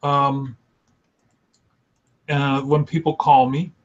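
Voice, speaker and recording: Storytelling man on a lo-fi video call. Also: medium pitch. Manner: theatrical, rapid phone spiel in one breath; animated anecdote teller who laughs often. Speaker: illustrator and show regular. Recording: slightly dull lo-fi call audio.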